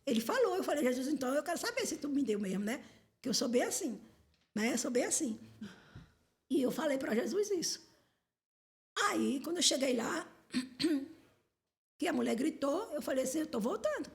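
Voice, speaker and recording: Woman guest on a podcast, kinda high voice, tells her story all animated, acts out who said what. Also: moderate pace, long pauses. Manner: animated, acts out quoted dialogue. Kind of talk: testimony storytelling.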